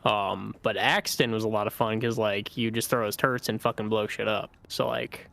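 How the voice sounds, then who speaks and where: A man's voice: fairly low pitch, steady tone, normal speed, creaky, a bit bright, slight background noise. A man playing a game with a friend, chatting in a laid-back way, filling his talk with "like" and casual swearing. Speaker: co-player. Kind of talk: casual gameplay chat. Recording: game music playing under the voice.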